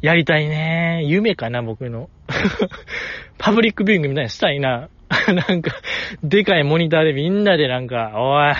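Guy rambling on his podcast, kinda high voice, muffled dry sound. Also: normal speed, no room sound. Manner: rambling, animated, with frequent laughs. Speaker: podcast host. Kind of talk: casual solo chat.

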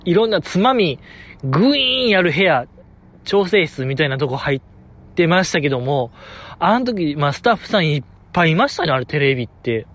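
A man's voice: fairly high pitch, very animated, fairly quick, a bit bright, highs cut off. A man with a Kansai accent hosting a casual solo podcast, playfully teasing his listeners and laughing often. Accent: Kansai Japanese. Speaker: podcast host.

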